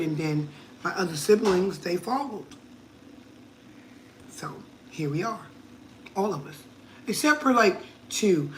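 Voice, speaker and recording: Middle-aged woman vlogger, unhurried and bright, playful, laughs a lot. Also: fairly low pitch, slight background noise. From Connecticut, USA. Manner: chatty, playful, laughs often. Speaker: cooking vlogger. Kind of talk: casual live chat.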